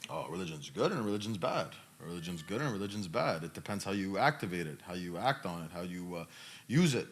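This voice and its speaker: A low-pitched man in his thirties talks fast with lively intonation while hosting a podcast and taking questions. He's casual but emphatic, often repeating himself.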